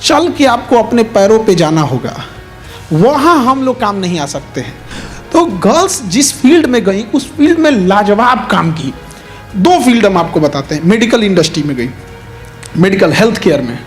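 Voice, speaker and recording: A teacher giving an earnest motivational speech to students, repeating key points and mixing in English phrases. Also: male voice, high-pitched, sing-song, normal speed, faint music behind.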